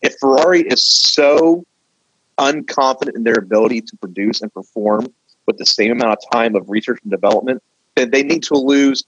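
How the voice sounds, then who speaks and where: A man's voice: mid-range voice, fairly bright tone, breathy edge, dry recording. A man co-hosting a casual podcast, ranting with real passion. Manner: impassioned, ranting. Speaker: podcast co-host. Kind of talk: casual chat. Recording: slightly dull dry mic.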